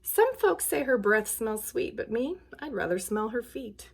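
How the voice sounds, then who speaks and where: In a slightly high, sing-song, creaky voice, a woman speaks unhurriedly to children, sounding like a school nurse leading story time. Her words are plain and simple as she chats casually and reads stories aloud. Background noise can be heard.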